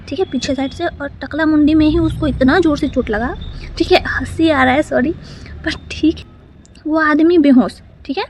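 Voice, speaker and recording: A woman's voice: high voice, darkish tone. A woman casually telling a personal story in a rambling way, full of fillers and restarts.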